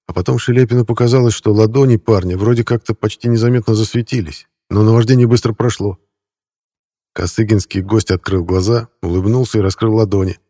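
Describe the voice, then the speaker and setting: A man narrating a novel in a steady, measured way. His voice sits low and sounds mellow. The recording is close and dry, with no room sound. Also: no room sound. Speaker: audiobook reader. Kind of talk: scripted narration.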